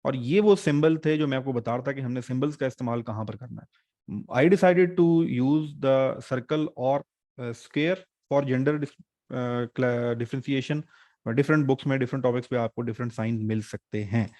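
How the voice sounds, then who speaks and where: A male teacher runs an online exam-prep class in a chatty, joking way. His voice sits at an ordinary middle pitch and is recorded dry and close on a desk mic, with no room sound. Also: unhurried, a little mellow, no room sound. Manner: chatty, joking teacher mixing English terms.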